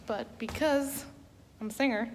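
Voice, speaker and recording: A woman's voice: on the high side, a little slow. A young woman, a music student, chatting giddily in a casual vlog from a large empty practice hall. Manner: giddy, chatty, laughing often. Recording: echoey hall with faint room noise.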